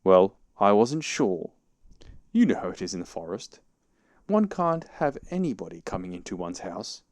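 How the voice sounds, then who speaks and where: A man's voice: sits low, big pitch swings, moderate pace, darkish tone, no echo, clean studio sound. A man voicing a fussy, cautious, polite rabbit in a children's storybook, prim, clipped and a little evasive. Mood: polite, relieved. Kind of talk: children's storybook character reading.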